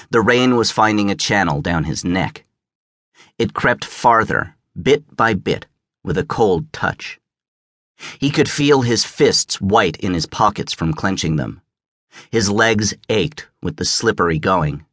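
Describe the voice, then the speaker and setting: A man narrating an audiobook as scripted narration, measured and even, on a close studio mic. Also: lowish voice, dry recording.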